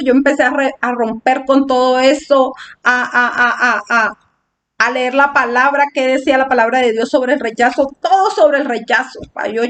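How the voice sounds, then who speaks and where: Woman preacher, high voice, emotional testimony sermon that acts out her own prayers. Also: a bit bright.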